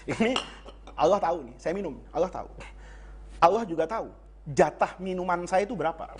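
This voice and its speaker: A man's voice: expressive, a little fast, a little hiss or hum. A man preaching in a religious study session, telling humorous stories with frequent chuckles and wide swings of his voice. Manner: humorous storyteller who chuckles often and swings his pitch widely. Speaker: Islamic preacher teaching a classical text. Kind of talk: religious study sermon with storytelling.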